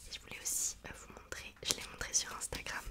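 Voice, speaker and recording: A woman whispering softly as an ASMR host, presenting and reading from a book in an informal way. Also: quick pace.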